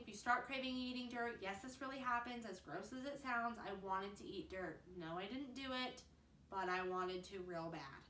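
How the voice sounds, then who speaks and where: Young woman, mom vlogger, chatty and earnest, bright voice, echoey room, a bit far from the mic. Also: fairly high pitch, slight background noise. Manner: earnest, fast-talking, chatty. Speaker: vlogger, mother of twins. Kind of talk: casual advice vlog. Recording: roomy, slightly distant mic.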